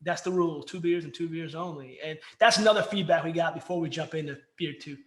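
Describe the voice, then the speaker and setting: With a voice on the high side and a quick pace, a man co-hosts a casual podcast over beers. The chat rambles, jokes and constantly interrupts itself. The recording has a roomy echo.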